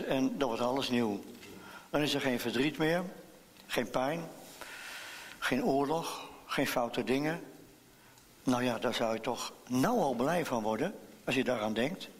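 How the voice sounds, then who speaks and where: A man, a pastor giving a friendly children's sermon in a church. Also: mid-range voice. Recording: echoey church hall.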